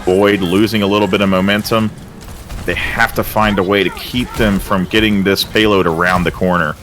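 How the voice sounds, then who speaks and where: A man doing excitable play-by-play commentary for an esports match, with casual filler words. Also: sits low, faint music behind. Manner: excitable, gets louder and faster in big plays. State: out of breath. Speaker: esports caster.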